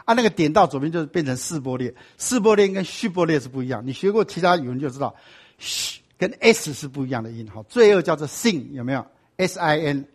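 A man's voice: a little high, expressive, fast, husky. A man teaching a sermon-style Bible class. He keeps asking the class rhetorical questions and drops in English and Hebrew words.

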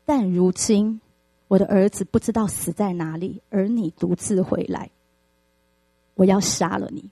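A woman's voice: medium pitch, fairly even intonation, unhurried, mellow, no echo. Grief-stricken, bitter old father, voiced by a woman, dry close sound.

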